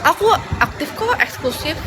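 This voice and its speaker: A woman's voice: high-pitched, big pitch swings, normal speed, over a noisy crowd, very noisy. A young woman chatting casually on a livestream, reading out viewer comments and rambling with slangy fillers.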